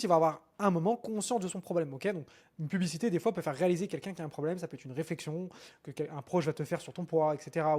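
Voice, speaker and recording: This marketing-funnel coach speaks quickly in a somewhat high, mellow voice while sharing his screen. His delivery is casual and cluttered with fillers and false starts, and "ok?" comes up again and again as he checks on the viewer.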